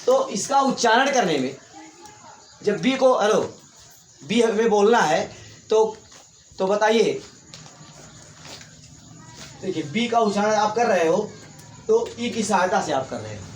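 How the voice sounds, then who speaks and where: A man's voice: high voice, animated, takes it slowly, long pauses. A man teaching English grammar to a class, repeating points and quizzing his students. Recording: echoey room, faint hiss.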